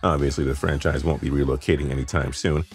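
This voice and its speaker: Very deep-voiced man narrating wryly. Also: fairly even intonation, fast talker, soft background music. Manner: opinionated, wry asides. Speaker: sports video narrator. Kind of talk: scripted countdown narration.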